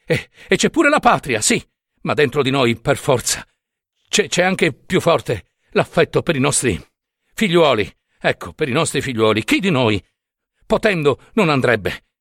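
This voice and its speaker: A man's voice: fairly high pitch, a bit bright, no echo, clean studio sound, exaggerated voice. A man in his fifties voicing a heavy, breathless, indignant traveler who lectures with heated rhetorical questions. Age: 50s. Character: fat, breathless, indignant older male traveler.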